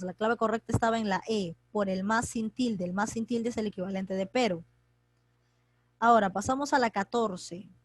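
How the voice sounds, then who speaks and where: A woman teaching an online grammar class, talking quickly and chattily as she quizzes students by name. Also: on the high side, dry recording. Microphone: computer mic on a video call.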